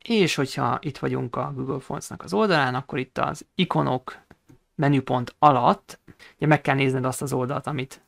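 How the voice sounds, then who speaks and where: A man teaching a coding tutorial over a screen recording, explaining each step and pausing often on hesitation sounds. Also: mid-range voice, vocal fry, fairly bright tone, dry recording, studio quality. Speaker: programming instructor.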